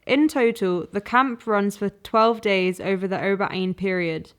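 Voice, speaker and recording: A woman reading scripted documentary narration in an even, informative way. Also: mid-range voice, unhurried, smooth.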